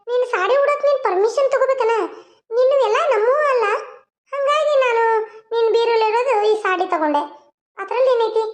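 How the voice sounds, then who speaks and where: Lady doing a shrill sassy cartoon mother-in-law, very high and quick. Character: scheming middle-aged mother-in-law, defiant and brash. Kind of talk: cartoon voice acting.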